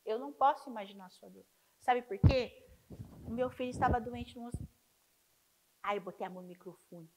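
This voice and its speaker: A woman's voice: fairly high pitch, fairly quick, pauses often, darkish tone, low-quality recording. A middle-aged woman pastor with a Brazilian Portuguese accent, teaching a class in a personal, earnest way and putting questions to her students. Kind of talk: conversational teaching.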